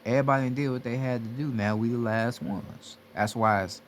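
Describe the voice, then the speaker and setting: A man with a medium-pitched, fairly even voice talks briskly, with a touch of hiss or hum in the recording. As a spiritual teacher giving a casual motivational talk, he repeats himself bluntly and swears a lot, urging people to wake up.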